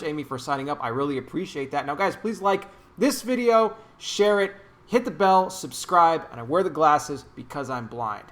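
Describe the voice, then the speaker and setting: A man's voice: fairly high pitch, pushed and bright. A man giving opinionated vlog commentary in an emphatic, indignant, preachy way, repeating phrases for emphasis. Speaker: YouTube commentator.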